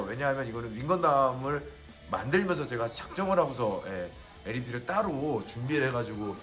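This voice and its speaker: A man hosting a casual vlog, slowly walking through a display of his own builds and admiring them, with many filler words. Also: medium pitch, a bit bright. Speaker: model builder and channel host. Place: indoor exhibition cafe.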